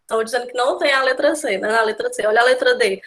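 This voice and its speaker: Woman, Brazilian accent, teacher, explanatory, checks in with students, fairly high voice. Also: racing. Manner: explanatory, keeps adding "né?" and "tá?" checks. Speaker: Portuguese teacher. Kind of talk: exam-prep grammar lesson.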